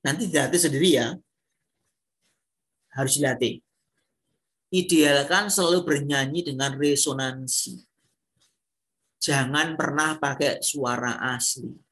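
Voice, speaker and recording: A man's voice: medium pitch, a little slow, pauses often, a bit bright. A man giving a classroom lecture on singing, explaining step by step and posing rhetorical questions to his students. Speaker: music lecturer.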